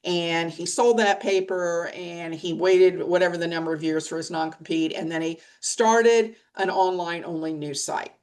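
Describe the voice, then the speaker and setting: A woman's voice: lowish voice, steady tone, moderate pace, few pauses, a little mellow. A middle-aged woman leading a press association, talking bluntly and emphatically in a webinar discussion over a video call. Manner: blunt, plain-spoken, emphatic.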